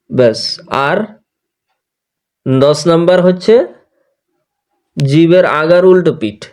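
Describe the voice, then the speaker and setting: A man teaching Quran pronunciation, patiently explaining where the tongue goes and repeating each letter sound slowly in drills. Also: fairly high pitch, mellow. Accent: Bangladeshi Bengali. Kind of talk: online tajweed class recap.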